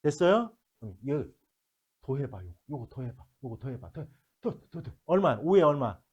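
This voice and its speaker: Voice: mid-range voice, big pitch swings, moderate pace, a little mellow, breathy edge, lo-fi sound. A math teacher lecturing a classroom, working through problems step by step and constantly checking whether the students follow, mixing blunt casual talk with polite endings.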